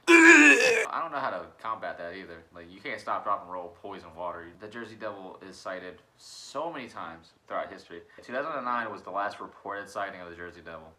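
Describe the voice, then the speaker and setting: A man's voice: deep voice, fairly quick, hardly any pauses, sharp tone, a little hiss or hum. A young man co-hosting a casual chat, telling cryptid stories in a laid-back way and laughing often. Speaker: podcast co-host. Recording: faulty microphone audio.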